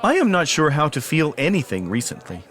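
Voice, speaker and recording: An actor playing a fussy, bookish fantasy scholar in a comic audio drama, speaking in pompous, formal, melodramatic sentences. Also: male voice, fairly high pitch, huge pitch swings, fairly quick, fairly bright tone. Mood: wounded. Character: fussy, bookish, wounded young-sounding male fantasy scholar, snide.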